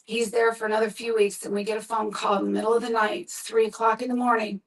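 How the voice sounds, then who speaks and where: A woman's voice: on the high side, flat delivery, fast, gravelly. A middle-aged woman giving an earnest, emphatic personal testimony as a speaker at an event. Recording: distant from the mic.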